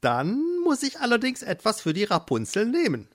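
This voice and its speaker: A storyteller voicing a coy, calculating old female herb witch in a high, drawn-out, sing-song voice for a children's storybook. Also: huge pitch swings.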